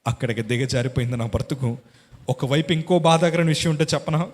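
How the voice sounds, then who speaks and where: A man giving an emotional church testimony, swinging from hushed to shouting. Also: medium pitch, quick pace. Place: church hall. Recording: long church-hall reverb.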